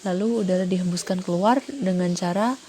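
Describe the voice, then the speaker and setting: Woman, low-pitched, mellow tone, reading a phonetics lesson, methodical. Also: fairly quick, a little hiss or hum. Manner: steady, methodical enumeration. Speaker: student presenter. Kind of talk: reading a phonetics explanation aloud.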